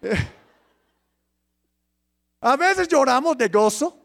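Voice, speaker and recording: High-voiced man preaching lively. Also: slow pace, gravelly. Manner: lively preaching with rhetorical questions, swings between loud emphasis and soft asides. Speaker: pastor. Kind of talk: sermon.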